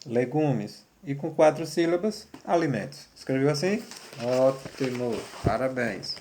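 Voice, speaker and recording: Brief: man, slightly high voice, patient grade-school teacher, encouraging. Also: lively intonation, moderate pace, darkish tone, slight background noise. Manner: patient, encouraging, spells out syllables. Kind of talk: remote classroom lesson.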